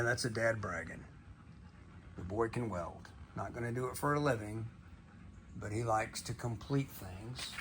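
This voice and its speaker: A middle-aged man talking casually to camera in a calm, unhurried, folksy way, like a plain-spoken motivational teacher. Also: medium pitch. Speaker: video host and teacher. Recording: some background noise.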